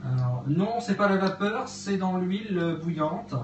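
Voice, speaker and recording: Man, casual live-stream chat, higher-pitched voice, hesitant with fillers, echoey kitchen, faint noise. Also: expressive, a little slow, dull audio. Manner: hesitant, many fillers, chatting with viewers. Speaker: livestream host cooking. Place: cluttered home kitchen, indoors. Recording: echoey home room.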